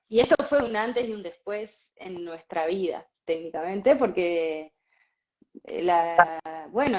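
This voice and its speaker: A woman, co-hosting and telling a spiritual story in a casual, animated way with frequent laughs. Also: fairly low pitch. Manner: animated, laughs often, many fillers. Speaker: podcast co-host. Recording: slightly dull lo-fi sound.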